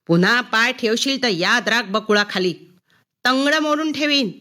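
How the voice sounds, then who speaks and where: Harsh scolding mother, read by a woman storyteller; high-voiced and threatening. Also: normal speed, pushed and bright. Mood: angry threat.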